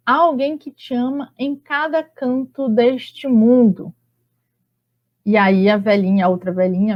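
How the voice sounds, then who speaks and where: A woman with a Brazilian Portuguese accent, teaching a recorded grammar lesson in an explanatory way, often ending with tag questions. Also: mid-range voice. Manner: explanatory, tag questions, reads examples aloud. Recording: dull lo-fi recording.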